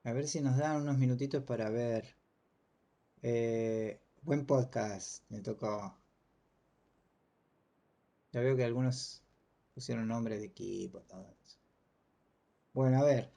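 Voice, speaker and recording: Man, mellow voice, teacher on a video call, hesitant. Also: mid-range voice, slow pace, vocal fry, long pauses. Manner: relaxed, hesitant, many fillers. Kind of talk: casual online class.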